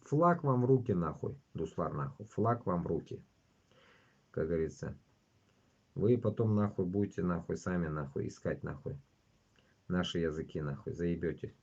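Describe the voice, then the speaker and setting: With a deep, dark-toned voice carrying a breathy edge, this Bashkortostan livestream host sounds animated and talks at a normal speed. He mixes casual chat with news he reads aloud, bluntly and with plenty of swearing, over dull, lo-fi audio.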